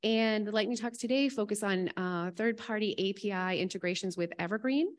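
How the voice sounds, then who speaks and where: A woman at a podium mic opens a conference with housekeeping notes and local fun facts. She is chatty and keeps slipping in little laughs and light jokes. Her pitch sits in the middle for a woman, and the sound is of a conference room. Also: a little fast. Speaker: conference host giving welcome address. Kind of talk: welcome speech with housekeeping announcements.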